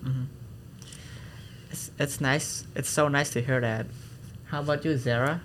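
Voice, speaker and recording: A woman's voice: extremely low pitch, fairly even intonation, a little slow, a little hiss or hum. A woman from Cambodia with a Cambodian accent, asking brief, encouraging questions in a student discussion. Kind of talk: student discussion role-play.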